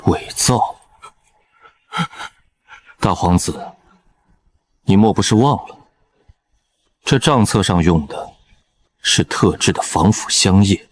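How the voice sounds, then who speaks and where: A man plays a cool, composed young prince in an animated costume drama, with a low voice and an unhurried, quietly mocking drawl. A clear hiss sits under his lines.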